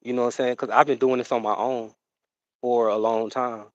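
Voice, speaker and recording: A man's voice: medium pitch, little pitch movement, no echo, muffled recording. A man, chatting casually on his livestream in a rambling way, full of fillers. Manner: rambling, drawn-out, full of fillers and "you know what I'm saying". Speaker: livestream host.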